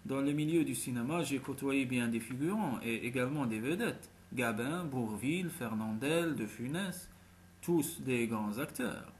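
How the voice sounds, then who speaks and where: Old jovial Santa-for-hire, chatty and genial, as read by a male narrator; mid-pitched storybook voice. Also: a little slow, slight background noise, natural voice. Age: older. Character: old man playing Santa, cheerful, modest.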